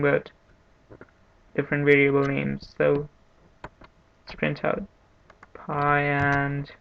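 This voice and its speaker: Male tutorial host, monotone and unhurried, slightly higher voice, dull lo-fi mic with faint hiss. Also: gravelly. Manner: monotone, unhurried, thinking aloud with restarts. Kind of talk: screen-recorded coding tutorial. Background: keyboard typing and clicks.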